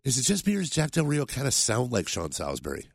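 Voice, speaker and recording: A man's voice: medium pitch, huge pitch swings, fast talker, breathy edge, dry recording, clean studio sound. A man hosting a sports radio show, talking in a casual, opinionated way, his voice nasal from a cold. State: has a cold.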